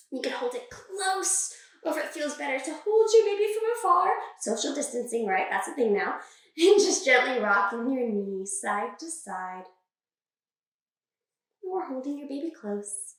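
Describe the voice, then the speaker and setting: A woman leading a children's yoga class in a playful, sing-song way, cueing poses and making animal sounds. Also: sits high. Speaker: kids' yoga teacher. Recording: echoey room, voice from a distance.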